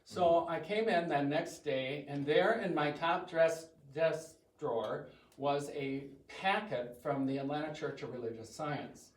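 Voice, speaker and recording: Speaking at a measured pace in a fairly high pitch, an older man from the US Midwest addresses a church congregation as a guest speaker. His big voice carries a chatty, self-joking talk, captured from a distance in an echoey church hall.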